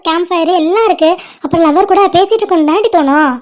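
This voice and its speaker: A woman's voice: very high-pitched, fast. A woman voicing a cheerful young woman in love who teases her sulking friend in a cartoon. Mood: teasing. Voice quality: breezy and teasing. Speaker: friend on an outing. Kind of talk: animated cartoon voice acting.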